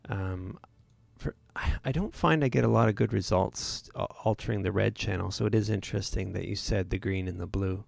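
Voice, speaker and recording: Gravelly low-voiced man teaching photo editing. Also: darkish tone, dry recording. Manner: casual, halting, many fillers and restarts. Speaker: photo editing tutorial host. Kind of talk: live-streamed photo editing tutorial.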